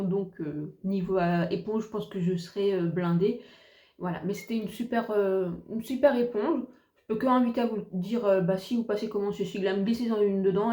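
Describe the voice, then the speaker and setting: A woman's voice: medium pitch, warm tone. A woman reviewing finished beauty products in a chatty, hesitant way, full of fillers and restarts. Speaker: beauty vlogger. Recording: echoey room.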